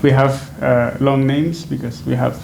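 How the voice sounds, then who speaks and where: A Venezuelan man in his twenties answers interview questions in a slightly gravelly, mid-pitched, flat, somewhat mellow voice, pausing a lot and restarting sentences with many fillers as he thinks. He sits in a small indoor room in front of a stand microphone, with a faint hiss in the background.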